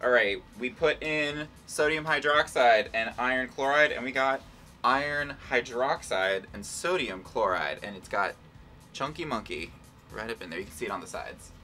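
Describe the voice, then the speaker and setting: Young guy hosting a science game, playful n campy, bright animated voice, bit of music behind. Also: mid-range voice, normal speed. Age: young adult. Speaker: game host. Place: small laboratory, indoors.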